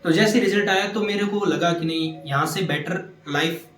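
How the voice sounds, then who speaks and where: Earnest high-voiced man in an echoey room. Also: normal speed, a bit bright, a little hiss or hum. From Rajasthan, India. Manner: earnest, repeats points, mixes English terms. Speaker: government engineer giving exam advice. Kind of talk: motivational talk.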